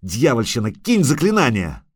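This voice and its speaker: A man's voice: medium pitch, huge pitch swings, normal speed, breathy edge, dry recording, studio quality. A man voicing a strained adult male witcher in an audiobook, pleading urgently while he hangs on. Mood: strained urgency.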